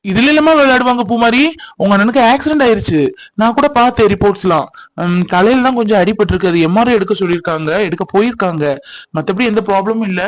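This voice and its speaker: A man's voice: high voice, close to an everyday voice, rough recording. A man voicing a caring, reassuring young village man in a dubbed cartoon. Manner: reassuring, explaining.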